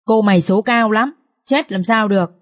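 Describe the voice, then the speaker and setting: A stern young master teases his wife in a flat, deadpan way, as a woman narrator reads him. He sounds cool and dry. This is an audiobook character reading. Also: mid-range voice, moderate pace, lightly acted. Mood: teasing. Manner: dry, teasing.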